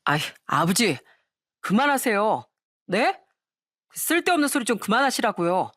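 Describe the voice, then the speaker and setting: A woman's voice: mid-range voice, big pitch swings, a little slow, a bit bright, no echo, clean studio sound. A woman voicing an irritated young husband who snaps curtly at his father. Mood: exasperated. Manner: curt, exasperated.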